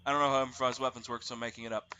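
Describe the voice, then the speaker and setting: A man running a tabletop roleplaying game as game master, narrating haltingly and piecing sentences together. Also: mid-range voice, little pitch movement, pushed and bright, clean tone.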